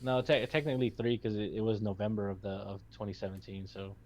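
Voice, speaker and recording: A man's voice: fairly low pitch, flat delivery, fast, darkish tone. A man co-hosting a live stream, chatting casually and rambling with restarts and jokey impressions. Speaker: stream co-host. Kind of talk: casual chat.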